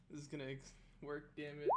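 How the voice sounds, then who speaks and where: A man's voice: a little high, mellow. A man player in a tabletop game, mixing plans with his character's lines in a playful way.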